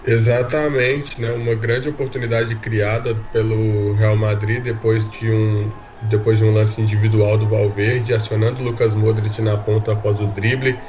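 A man's voice: on the low side, little pitch movement, normal speed, few pauses, darkish tone. A man with a Brazilian accent giving tactical football analysis as a commentary-team analyst. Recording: dull lo-fi audio with faint noise.

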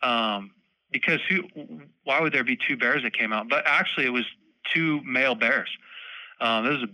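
A young man telling a story in a casual chat, animated, laughing often and acting out moments. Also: mid-range voice, moderate pace, dry recording, rough recording. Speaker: podcast guest, bowhunter.

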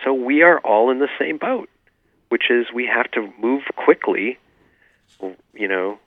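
A man's voice: mid-range voice, animated, measured pace, dry recording. Man explaining earnestly over a phone line. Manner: earnest, explanatory, many "you know" fillers. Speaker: author and interview guest. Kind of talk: remote radio interview.

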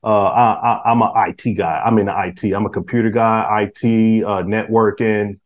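This fortysomething podcast guest has a fairly low voice with little pitch variation and a moderate pace. His casual chat is loose and rambling, full of false starts, filler words and street slang.

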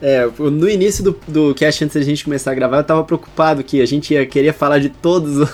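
Slightly high-voiced Brazilian man chatting. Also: fairly quick, a little mellow. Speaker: podcast guest, YouTuber. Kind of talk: casual podcast chat.

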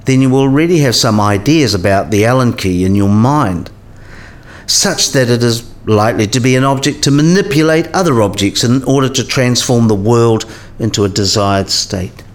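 Playing a patient male professor in a radio play, this man walks through category theory precisely and didactically. His mid-range voice has lively intonation and a moderate pace, sounding close to how he'd talk every day.

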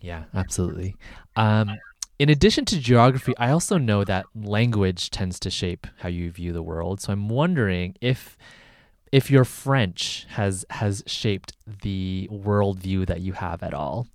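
A man hosting an interview, asking slow, thoughtful questions and giving steady affirmations. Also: on the low side, no echo, clean studio sound. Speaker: interview host. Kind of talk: podcast interview.

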